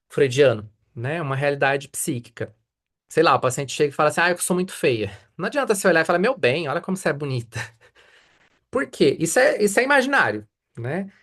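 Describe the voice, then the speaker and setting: A man with a Brazilian Portuguese accent, a psychoanalyst teaching a study group in a live online lecture. He speaks conversationally, tags nearly every point with "né?", and asks and answers his own questions. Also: on the high side.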